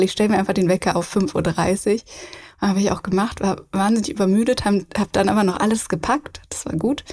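A woman's voice: medium pitch, darkish tone. A young woman from hosting a podcast, chatting casually with many laughs and side tracks. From Germany. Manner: chatty, rambling, laughs often. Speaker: podcast host. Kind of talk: casual chat.

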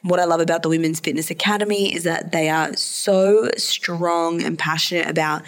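A psychologist hosting a solo podcast episode explains a topic, her voice a bit hoarse and nasal from a sore throat. She speaks on the low side with fairly even intonation at a normal speed.

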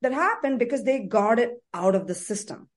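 A woman's voice: a little high, lively intonation, moderate pace. Earnest woman therapist repeating for emphasis. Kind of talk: podcast conversation.

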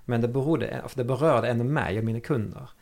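A man's voice: medium pitch, darkish tone. Hesitant man searching for words. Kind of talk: casual chat.

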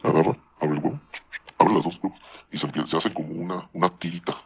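A man with a Mexican accent rattles through a personal story at a breakless clip, his voice very low and husky. The sound is dull and lo-fi. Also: fairly even intonation. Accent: Mexican Spanish. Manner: rapid, conversational, slips into voices for quoted people. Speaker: guest telling a personal story. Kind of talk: casual storytelling on a podcast.

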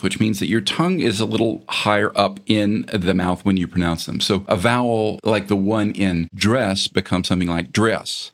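A middle-aged man with a General American accent, explaining calmly as an interviewed linguist. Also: fairly low pitch. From American South. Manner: measured, explanatory. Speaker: linguist guest. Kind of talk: radio interview answers.

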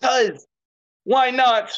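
A man voicing a petty, nonchalant eldritch god in a casual, deadpan way during a tabletop game. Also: very high-pitched, drawn-out words, pitched above the performer's own voice, exaggerated voice. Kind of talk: improvised tabletop role-play. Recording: dull lo-fi sound.

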